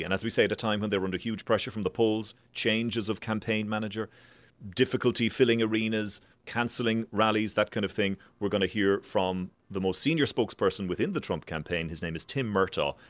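A man's voice: fairly low pitch, fairly quick, no room sound. An Irish man working as a journalist, giving political analysis and putting questions in a broadcast. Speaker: journalist interviewer.

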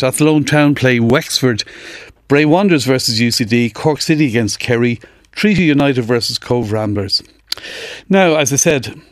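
A man's voice: mid-range voice, dry recording. A man with an Irish accent presenting live radio sports news and interviews from a studio.

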